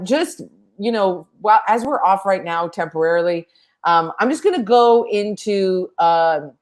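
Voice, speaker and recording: A woman hosting a comedy show, brash, profane and rambling. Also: fairly low pitch. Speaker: host. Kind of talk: casual comedic monologue.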